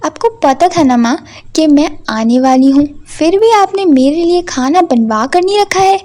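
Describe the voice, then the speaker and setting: A woman's voice: high-pitched, expressive, moderate pace, a little mellow. A woman voicing a spoiled, demanding young woman in a cartoon story. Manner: whiny, demanding. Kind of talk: cartoon voice acting.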